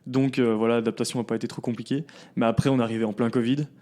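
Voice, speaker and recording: A man, a company founder chatting casually as a podcast guest, relaxed and full of fillers. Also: mid-range voice, fast. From southern Belgium. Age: 20s. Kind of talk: casual interview chat.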